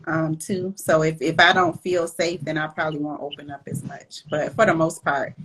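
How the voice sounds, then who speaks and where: A woman co-hosting a casual podcast chat, speaking in a measured, thoughtful way. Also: deep voice, little pitch movement, fairly bright tone, slightly rough, rough recording. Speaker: co-host. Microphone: video call.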